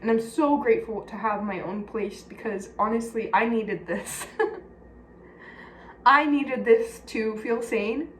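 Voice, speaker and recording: With a fairly high pitch and a slightly slow delivery, a Californian-accented woman opens up to her viewers casually and bluntly. The personal vlogger, from California, United States, records in an echoey space with faint background noise.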